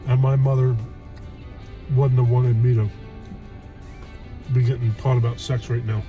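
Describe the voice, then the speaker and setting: A man's voice: mid-range voice, level tone, a little slow, lo-fi sound, faint music behind. A man in his early fifties chatting casually while eating, chewing as he talks, in a blunt, exasperated, ranting way. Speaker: host of food review vlog. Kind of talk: casual chat.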